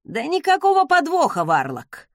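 A woman's voice: high voice, wildly swooping pitch, moderate pace, dry recording, clean studio sound, pitched above the performer's own voice, heavily acted. A woman reading the lines of a smug, charming young male academy student who teases with ironic remarks. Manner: teasing, ironic.

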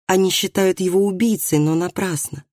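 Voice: mid-range voice, fairly even intonation, normal speed, darkish tone, no room sound, studio quality, lightly acted. A reader voicing an earnest, plain-spoken man. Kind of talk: audiobook dialogue reading.

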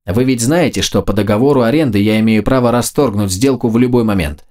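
A spiteful old landlady shrieks and hisses her accusations in a raised, strained voice, put on by a man reading the audiobook. Her tone is sharp and nagging throughout, far higher than a low male narrator's own voice. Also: fast, lightly acted. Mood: shrill accusing.

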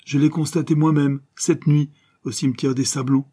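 A man's voice: mid-range voice, fairly quick, dark tone, breathy edge, voice pushed up, close to an everyday voice. A man voicing a scheming adventuress who talks in an insistent, theatrical, accusing way. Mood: menacing. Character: scheming adventuress, sharp and menacing woman.

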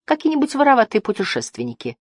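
A woman's voice: on the high side, wildly swooping pitch, fast, dry recording, studio quality, pitched above the performer's own voice. A woman reading the lines of a sly, cheerful male merchant with a glib, mock-friendly manner.

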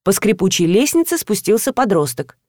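A woman narrating a first-person story in an expressive audiobook reading. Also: mid-range voice, fairly quick, no room sound, studio quality.

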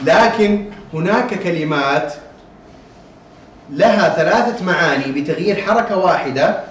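Male teacher, somewhat high voice, chants verses and checks in with students, echoey room, mic at a distance. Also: expressive. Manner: recites verses in a measured chant, checks in with listeners. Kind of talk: recorded lesson.

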